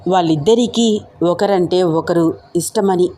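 A woman's voice: lowish voice, a little slow, warm tone, slight background noise, lightly acted. Young friend in an audio romance, knowing and amused, as the narrator voices her.

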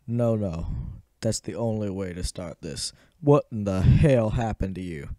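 A man's voice: on the low side, animated, unhurried, warm tone, no echo, clean studio sound. A man reading the part of a blunt, skeptical male police officer in an amateur script read-through, speaking in a questioning, exasperated way. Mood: demanding. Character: blunt, skeptical male cop searching for a lost girl.

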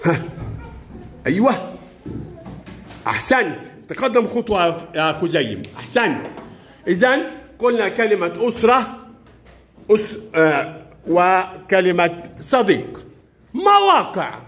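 A man's voice: high voice, wildly swooping pitch, a little slow, long pauses, a bit bright, a little hiss or hum. A man with an Egyptian accent teaching young pupils in a classroom, encouraging them and praising their answers often. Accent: Egyptian Arabic. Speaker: primary school teacher.

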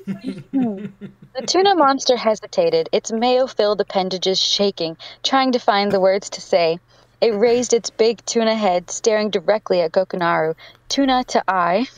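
A woman's voice: mid-range voice, expressive, measured pace, no echo, low-quality recording. A woman narrating a fan fiction aloud to friends, giggling through her reading.

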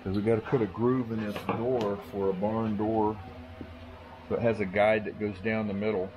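A man's voice: fairly low pitch, flat delivery, moderate pace, dull audio. A man cracking dry jokes while working on a door inside a house under construction. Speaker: builder. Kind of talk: joking work chatter. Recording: noisy job site.

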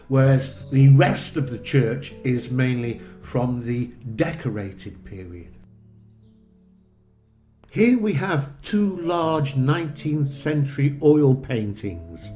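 A man gives a slow, unhurried tour of an old stone church, explaining each feature patiently. His voice is mellow and relaxed, and it rings in a roomy space while soft guitar music plays faintly behind him. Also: medium pitch. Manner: measured, explanatory, gently enthusiastic. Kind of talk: unhurried documentary narration.

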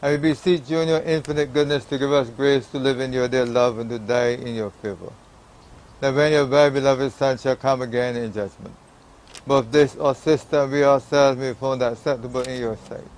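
A man, a priest at a graveside, reciting a funeral liturgy in a solemn, measured, prayerful way. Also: mid-range voice, fairly even intonation, darkish tone, rough recording. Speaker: priest officiating a burial.

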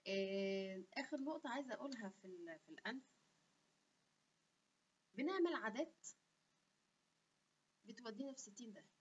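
A young woman with an Egyptian Arabic accent hosts a casual health channel vlog, chatting animatedly and tossing in asides. Her voice is fairly high, expressive and breathy at the edges, moving fairly quickly but with long pauses. It was captured on a webcam in a small room, and the audio sounds dull and lo-fi.

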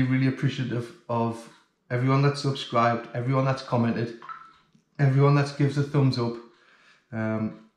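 A man in his forties talks straight to the camera in his home, chatty, plain-spoken and thankful. His voice sits at an ordinary pitch. The room around him rings noticeably, picked up by a camera mic a few feet away. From England. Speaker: fishing channel host. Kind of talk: casual vlog talk to camera. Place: home kitchen, then living room, indoors. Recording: roomy home acoustics.

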